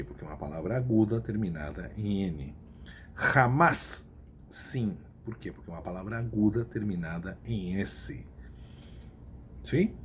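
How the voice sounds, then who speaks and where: A man's voice: fairly low pitch, a little hiss or hum. A man with a Brazilian Portuguese accent, teaching a recorded lesson to his class. He repeats key points and stops to check that students follow. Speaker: Spanish teacher.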